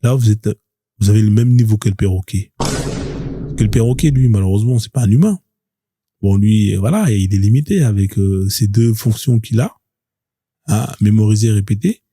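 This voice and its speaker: Dark, husky man ranting on a live stream. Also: lowish voice, moderate pace. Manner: mocking, repetitive, confrontational. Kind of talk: provocative live stream monologue.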